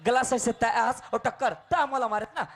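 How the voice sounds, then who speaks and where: A man's voice: very high voice, fairly even intonation, moderate pace, fairly bright tone, faint music behind. A man playing a cocky, hot-headed young college student in comic folk theatre, with a Chhattisgarhi accent. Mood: annoyed, challenging. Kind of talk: comic folk stage acting.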